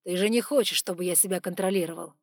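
In an audiobook, a woman voices a stern, controlled male dragon, speaking in a tense, measured way through clenched teeth. Her voice sits on the low side, and the clean studio recording has no room sound.

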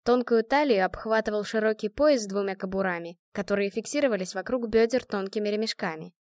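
A woman reading an action audiobook aloud, with an even storytelling delivery. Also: mid-range voice, fairly quick, no echo, studio quality. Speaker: audiobook narrator. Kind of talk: audiobook reading with character voices.

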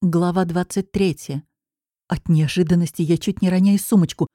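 A woman narrates a first-person novel expressively, with a lowish, mellow, warm tone. The recording is dry and close, with no room sound at all. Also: moderate pace, dry recording. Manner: dramatic, expressive storytelling. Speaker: audiobook narrator.

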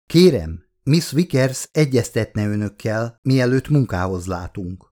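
A man's voice: mid-range voice, expressive, warm tone, lightly acted. A man reading the lines of a polite android servant in an ingratiating, obliging manner. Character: smooth polite android butler. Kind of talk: audiobook character reading.

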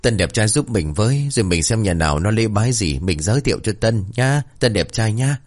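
A man's voice: lowish voice, expressive, a little fast, a little mellow. A man doing a stammering, scared old villager. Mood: pleading. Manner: stammering, pleading.

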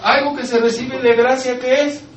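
A man's voice: very high-pitched, level tone, normal speed, reverberant, distant mic, slight background noise, rough recording. A man with a Mexican Spanish accent preaching a sermon as pastor, emphatic, posing rhetorical questions and answering them. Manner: emphatic, rising to loud exhortation, asks and answers rhetorical questions.

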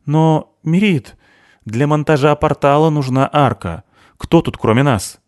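A man voicing an indignant young woman who complains loudly and feels overlooked. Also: fairly high pitch, measured pace, no echo, studio quality, voice pushed up, natural voice. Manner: exasperated, loud complaints. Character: indignant young woman, hardworking, easily offended.

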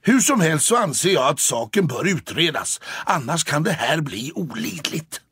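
A man's voice: on the high side, big pitch swings, a bit bright, slightly rough, dry recording, full character voice. A man voicing a haughty, grumpy tomcat. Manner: haughty, stern, scolding. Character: proud, grumpy male town cat who thinks himself finest. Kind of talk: audiobook character voice.

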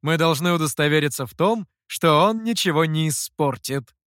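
Guei, a sly, smug master, voiced by a reader. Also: male voice, fairly high pitch, moderate pace, no room sound, studio quality. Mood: amused. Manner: calm and amused.

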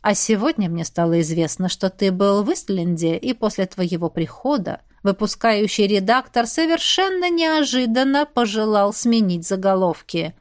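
A woman's voice: mid-range voice, animated, moderate pace, few pauses, no room sound, studio quality, lightly acted. Stern commanding elder brother, voiced by a woman reader. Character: stern eldest brother, a young man, cold and interrogating.

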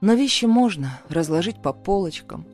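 A woman's voice: fairly low pitch, lively intonation, normal speed, darkish tone, faint music behind. A woman reading a first-person story as an audiobook narrator, in a dramatic, emotional storytelling manner.

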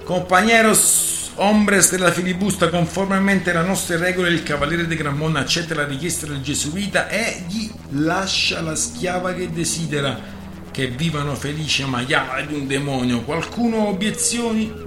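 A man voicing a commanding male buccaneer leader who rouses a crew in a booming voice. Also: flat delivery, a little fast, few pauses, natural voice. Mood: rousing. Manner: booming, rousing. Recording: roomy with music behind.

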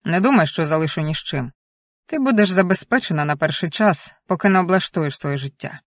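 An audiobook reader voicing a grown man, a calm and firm husband, in a measured, earnest, quiet way. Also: mid-range voice, no echo, clean studio sound, close to an everyday voice. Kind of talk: audiobook dialogue reading.

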